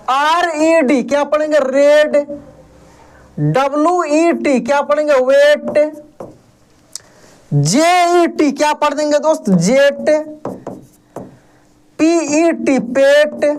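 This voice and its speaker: A woman's voice: high voice, a little mellow. A woman teaching beginner English phonics, patiently spelling out words letter by letter and asking her listeners to read each one back. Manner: slow, patient, repetitive.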